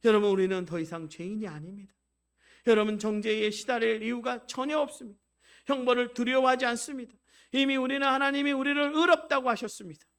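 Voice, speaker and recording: A pastor delivering a Sunday sermon in a fairly high male voice. He calls out to the congregation again and again, climbing into loud declarations and then dropping into soft, chatty anecdotes. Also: fairly even intonation, fast talker, clear, resonant tone. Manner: swings from loud preaching to quiet storytelling; exhorting, repeatedly addresses the congregation.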